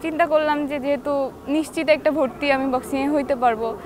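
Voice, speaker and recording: High-voiced young woman telling stories. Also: fairly even intonation, brisk, background noise. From Bangladesh. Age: young adult. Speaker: guest, boxer. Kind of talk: casual interview chat.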